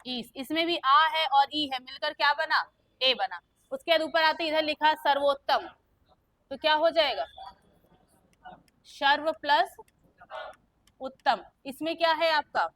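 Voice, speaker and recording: A woman's voice: sits high, unhurried, pauses often, fairly bright tone, dry recording. A young woman teaching a grammar lesson, who keeps quizzing her students with questions and then answers them herself. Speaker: Hindi teacher.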